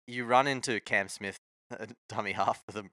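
A man's voice: lowish voice, moderate pace, pushed and bright, no room sound, clean studio sound. A man chatting casually about sport in a laid-back, slangy way. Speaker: sports talk co-host.

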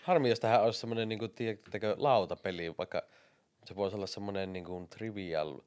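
A man with a low voice chats on a casual podcast while playing along in a quiz. He is laid back, murmurs along and tells jokes. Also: darkish tone, clean tone. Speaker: podcast co-host, quiz contestant.

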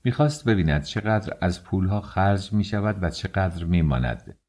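A man narrating an audiobook in a steady, measured reading. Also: deep voice. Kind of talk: scripted narration.

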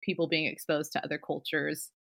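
A woman's voice: low-pitched, level tone, a little fast, creaky, a bit bright. A woman podcast host telling a story in casual chat, chatty and giggly, full of fillers.

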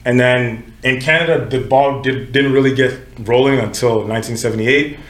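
With a medium pitch, fairly even intonation, and a moderate pace, a Nigerian man in his twenties hosts a casual group podcast in a reverberant room. He thinks aloud conversationally, correcting himself often and repeatedly saying "you know what I'm saying."

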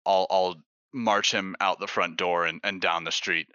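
A man playing a tabletop game in character, hesitant with many pauses and restarts. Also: deep voice, steady tone, sharp tone, clear, resonant tone, no room sound, dull audio. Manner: hesitant, lots of ums and restarts. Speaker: player.

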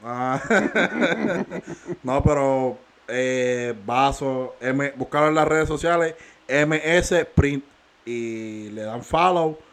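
A man co-hosts a podcast at an ordinary middle pitch. He rambles, swears freely, and laughs between lines. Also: extremely slow, fairly bright tone. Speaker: podcast co-host. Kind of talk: casual banter.

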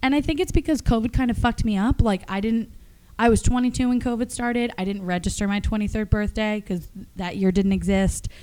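A woman in her mid-twenties co-hosting a podcast with a chatty, wry manner. She throws in quick joking asides while she talks about her week. Her voice sits at an ordinary pitch for a woman. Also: mellow, clear, resonant tone. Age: 20s. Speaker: podcast co-host. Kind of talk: casual chat.

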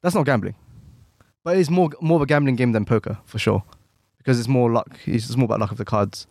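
Man, quick rambling podcast chat, many restarts, mid-pitched voice, dry close sound. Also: darkish tone, dry recording. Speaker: podcast co-host. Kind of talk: casual chat.

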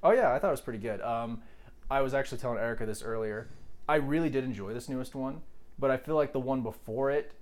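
A man's voice: mid-range voice, fast talker. A man co-hosting a casual chat podcast, telling stories and laughing often. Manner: chatty storyteller who laughs often. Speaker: podcast co-host. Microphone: podcast mic.

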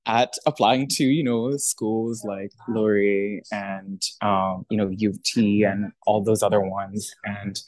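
A man's voice: lowish voice, steady tone, slow pace, hardly any pauses, darkish tone, dry recording. A young man from Italy, a social worker, speaking as a podcast guest in a thoughtful way with many fillers and restarts. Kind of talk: casual interview talk.

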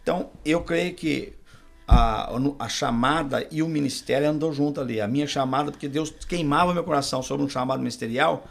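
Gravelly Brazilian pastor telling his story. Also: fairly high pitch, brisk. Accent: Brazilian Portuguese. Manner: storyteller who acts out quoted dialogue. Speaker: pastor, podcast guest. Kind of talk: testimony told in a casual interview.

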